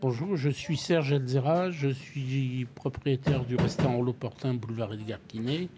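Older French man, restaurateur, halting and repetitive, mid-pitched. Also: very noisy. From France. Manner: hesitant, frequent repeated words and restarts. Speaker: restaurant owner. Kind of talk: interview, casual storytelling.

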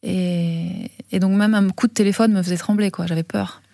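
Brief: French woman filmmaker, interview guest, gravelly texture, hesitant and searching for words, dry close sound. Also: mid-range voice, steady tone, moderate pace, dark tone, no echo. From France. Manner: hesitant, many fillers and restarts. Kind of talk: interview conversation.

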